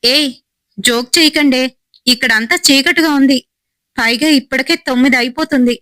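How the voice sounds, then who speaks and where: A woman's voice: high-pitched, normal speed, sharp tone, no echo, pitched above the performer's own voice. A woman voicing a terrified young woman who cries and pleads in a panic. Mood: panicked pleading.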